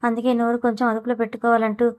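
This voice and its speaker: A man's voice: very high voice, monotone, very fast. A woman reading a storybook voices a young man who bluntly scolds his friend in a lecturing tone. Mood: scolding.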